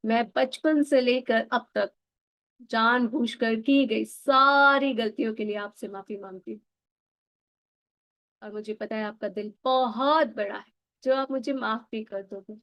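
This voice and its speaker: A woman talks listeners through a guided meditation in a soft, pleading, heartfelt way. Her voice sits a little high. The sound is dry and close, with no room echo. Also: fairly even intonation, a little slow.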